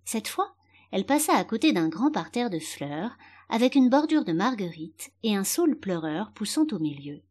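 A woman reads a children's storybook aloud, narrating with animation. Her voice sits at a middle pitch but moves freely, lifting and dipping to colour each sentence. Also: big pitch swings, moderate pace, a little mellow. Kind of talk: storybook reading.

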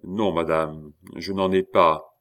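A man voicing a grave, hushed cardinal. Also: sits low, fairly even intonation, slow pace, voice pushed down. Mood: restrained. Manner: quiet, restrained, solemn. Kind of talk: audiobook reading.

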